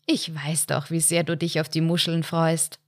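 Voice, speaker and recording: A woman's voice: deep voice, little pitch movement, moderate pace. A woman reading the lines of a nervous middle-aged husband who dodges questions and jokes to cover a secret. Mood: soothing. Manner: pressed, evasive, forced joking.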